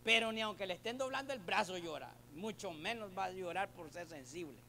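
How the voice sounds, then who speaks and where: High-voiced earnest male preacher. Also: animated, a little fast, gravelly, sharp tone, slight background noise. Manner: addresses listener as brother, asks rhetorical questions; earnest, repeats words while searching for phrasing. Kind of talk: sermon.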